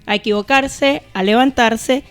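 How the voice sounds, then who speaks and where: Co-hosting a conversational podcast, a woman with a Venezuelan Caribbean accent talks in a casual chat that opens with a scripted intro. Her voice is a little high, clear and resonant, paced in a measured way over soft background music.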